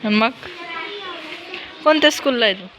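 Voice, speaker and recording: A woman's voice: a little high, moderate pace. A young woman vlogging on a rooftop terrace with a phone, chatting to the camera and coaxing her small child with questions. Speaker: vlogger and mother. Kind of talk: casual home vlog, talking to camera and child. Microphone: handheld phone camera. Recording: noisy outdoor phone audio.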